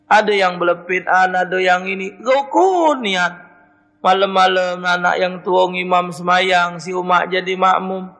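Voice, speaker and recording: A man's voice: sits high, sharp tone, big-room sound. A man with a Palembang Malay accent, a radio preacher answering listeners' questions and telling folksy stories in local dialect. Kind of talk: radio religious Q&A and storytelling. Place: radio studio.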